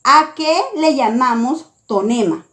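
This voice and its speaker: A woman teacher reading a scripted lesson, deliberate and clear. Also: a little high, lively intonation, fairly bright tone. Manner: slow, deliberate, reads each term out clearly.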